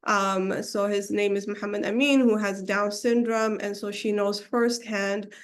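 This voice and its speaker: This Seattle woman, a native Somali speaker recovering from a cold, presents a webinar for the community through a video call microphone. Her medium-pitched voice has fairly even intonation and an unhurried pace. She sounds hesitant, with frequent ums and phrases she abandons and begins again.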